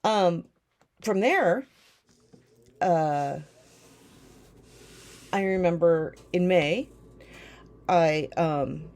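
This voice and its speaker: A woman's voice: on the low side, drawn-out words, long pauses, darkish tone. A woman, casually telling a personal life story in a rambling, reflective way. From Newton, Iowa, USA. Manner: rambling, reflective, often drifting back with "anyway". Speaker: storyteller recounting her life.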